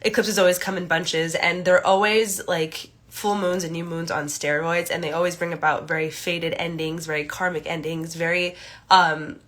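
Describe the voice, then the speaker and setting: A young woman hosts a casual astrology livestream on a phone camera held at arm's length in a small room, brightly greeting viewers. Her voice is on the low side yet bright and forward, sounding stuffy and congested, with a level tone at normal speed. She chats along, filling the gaps with plenty of "like" and "um."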